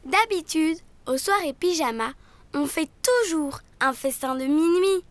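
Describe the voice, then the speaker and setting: A woman's voice: high-pitched, animated, a little slow, no echo. A woman playing a proud, stubborn little girl sheep with a childlike manner in a preschool cartoon. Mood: explaining.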